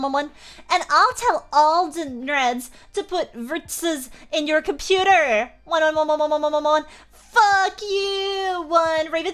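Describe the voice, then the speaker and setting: An Australian woman doing a shrill bratty teen author. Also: a bit bright. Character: bratty teenage girl fanfic author, defiant.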